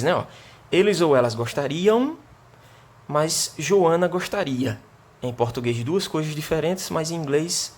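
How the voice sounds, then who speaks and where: A male teacher from Brazil with a Northeastern Brazilian accent, giving a remote lesson and explaining step by step, often checking in with the class. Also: on the high side. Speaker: English teacher.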